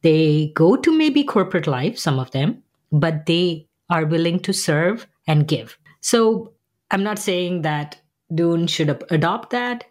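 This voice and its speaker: A woman's voice: lowish voice, expressive, slow, a little mellow. A middle-aged woman interviewing, speaking in a thoughtful, conversational way.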